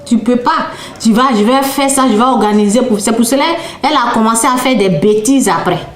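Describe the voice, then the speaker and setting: A woman's voice: fairly high pitch, a little fast, roomy sound. A woman, preaching a conversational testimony that tells a story, repeats phrases and tags her lines with "là" and "hein".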